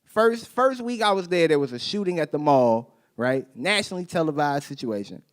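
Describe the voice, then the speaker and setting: A man's voice: a little high, moderate pace. A man performing a stand-up set on a theater stage, telling stories and acting out voices into a handheld mic. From Chicago, USA. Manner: animated storytelling, acting out voices. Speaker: stand-up comedian.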